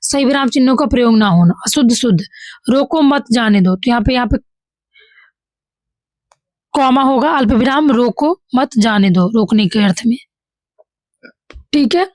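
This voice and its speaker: Speaking at a normal speed with long pauses, this woman has a fairly high, slightly mellow voice and no room sound around her. She teaches exam-prep grammar in a Bihari Hindi accent, reading examples, correcting them, and frequently saying "ठीक है".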